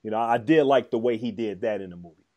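A man's voice: lowish voice, quick pace, dark tone. A man in casual chat, talking in a rambling, hesitant way with many fillers and restarts. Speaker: podcast co-host discussing a film and comic.

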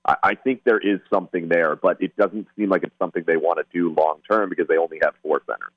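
A man's voice: low voice, fairly even intonation, fast talker, dry recording. A man with a North American accent giving casual sports commentary as a guest analyst, in slightly dull radio audio.

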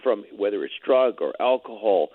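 A man with a fairly low voice speaks over a thin, tinny phone line into a radio show. He explains things patiently and at a measured pace, sometimes stopping to restart a phrase. The narrow telephone sound squeezes his voice into the middle frequencies. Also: lively intonation, no echo. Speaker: real estate board president, radio guest. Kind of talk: call-in radio interview.

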